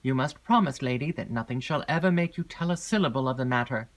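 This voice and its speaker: A woman voicing a gloomy, secretive male porter in an audiobook, speaking slowly and gravely with long hesitations. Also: rumbling low. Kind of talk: audiobook character reading.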